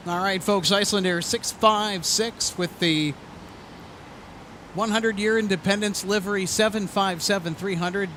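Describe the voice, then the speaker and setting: A man's voice: sits high, steady tone, moderate pace, pushed and bright. A man hosting a livestream, giving live plane-spotting commentary on airport traffic. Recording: outdoor airport noise behind voice. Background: aircraft, vehicles, airport ambience.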